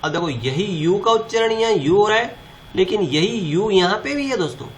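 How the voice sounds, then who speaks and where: A man's voice: high voice, expressive, moderate pace, a little hiss or hum. A man teaching a grammar lesson, asking the class questions and answering them himself.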